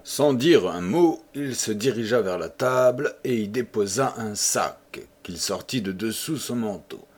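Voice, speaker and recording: A man narrating a classic novel as an audiobook, with expressive storytelling. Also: fairly low pitch, breathy edge. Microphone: home microphone.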